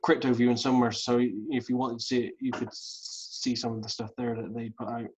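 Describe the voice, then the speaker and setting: A man hosts a casual group video call in an ordinary mid-range voice. He talks in a halting way, restarting and repeating words as he thinks. The sound is dull and lo-fi, like compressed call audio. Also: mid-range voice, level tone. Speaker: host. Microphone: video call mic.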